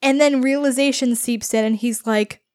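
A woman's voice: high voice, fairly even intonation, moderate pace, smooth, no echo, studio quality. A woman co-hosting a podcast, recapping a book in a casual, rambling way full of fillers. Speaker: podcast co-host.

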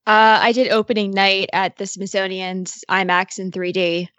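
A woman's voice: medium pitch, flat delivery, moderate pace, a bit bright, no room sound, highs cut off. A woman guest on a podcast, chatty and giggly in casual talk.

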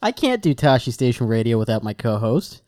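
A man co-hosting a casual podcast, spinning deadpan jokes with frequent filler pauses. His pitch moves lively over a middle range, with a dry, close sound. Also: no room sound. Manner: deadpan joking with many "uh" fillers. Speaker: podcast co-host.

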